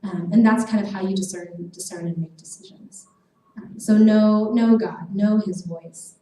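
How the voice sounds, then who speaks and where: An earnest young woman speaks to students in a loose, chatty way, full of little fillers. Her voice is mellow and somewhat dark, and it reaches the mic from a distance. The large hall around her adds heavy echo and a faint hum. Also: medium pitch, steady tone, normal speed. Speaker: guest speaker. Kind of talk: casual sermon talk to students. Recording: echoey hall from far off, faint noise.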